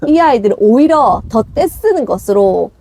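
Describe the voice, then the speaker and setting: Middle-aged woman educator, casual and animated, higher register with a wide, expressive pitch range. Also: normal speed. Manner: animated, acts out parents' scolding lines. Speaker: parenting educator. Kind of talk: casual parenting talk with her husband.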